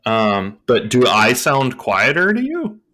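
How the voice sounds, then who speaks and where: A man's voice: mid-range voice, wildly swooping pitch, slow pace, bright, forceful tone. Man on a clipping, distorted mic. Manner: joking, rambling with restarts. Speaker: podcast co-host. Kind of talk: casual chat. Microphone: home podcast mic with levels set too hot.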